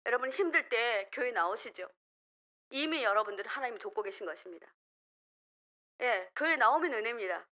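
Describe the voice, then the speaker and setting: A woman's voice: a little high, sharp tone. A woman pastor delivering a fervent sermon at a prayer meeting, rising into emphatic exhortations. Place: church sanctuary.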